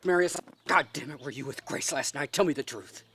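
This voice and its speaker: An actor playing a volatile film director who stammers and bursts into shouting. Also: male voice, mid-range voice, animated, measured pace, background noise. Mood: furious.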